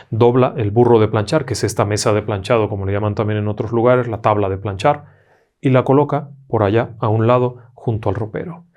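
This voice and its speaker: A male host telling ghost stories in a dramatic narrating voice of middle pitch. He drops to near whispers when the tension builds. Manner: dramatic, hushed in tense moments. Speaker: storyteller host.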